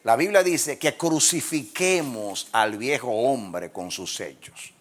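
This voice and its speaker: A pastor preaching a sermon, swinging from loud, emphatic lines to hushed ones and laughing at his own jokes. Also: medium pitch, takes it slowly.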